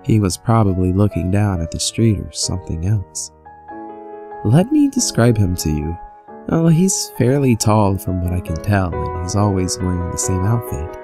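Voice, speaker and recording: A man's voice: low voice, expressive, moderate pace. A man reading creepy first-person stories from a script in a conversational storytelling manner. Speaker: horror story narrator. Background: music bed.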